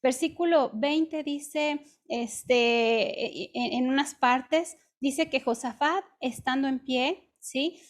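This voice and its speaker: A woman's voice: high voice, takes it slowly, hardly any pauses. A woman with a Mexican accent preaching to a women's group in a conversational way, often checking in with her listeners. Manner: conversational, with frequent "¿sí?" check-ins and "este" fillers. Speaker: women's ministry speaker. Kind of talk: devotional preaching.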